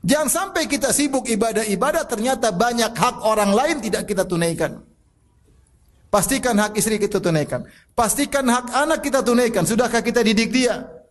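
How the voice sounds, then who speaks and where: High-voiced man preaching with rhetorical questions. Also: a little fast. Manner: exhorting with repeated rhetorical questions; personal storytelling with soft laughs. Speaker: Islamic preacher. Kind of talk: sermon.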